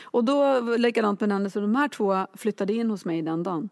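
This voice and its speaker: Woman, author guest, animated storyteller, chatty with fillers. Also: mid-range voice. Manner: lively, animated anecdote-telling with many fillers. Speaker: children's book author and musician. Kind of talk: casual interview storytelling.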